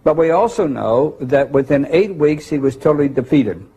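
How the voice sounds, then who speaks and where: A man with a husky, mellow voice explains something with hesitant pauses and fillers. His tone is dark and soft. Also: a little high, expressive, low-quality recording.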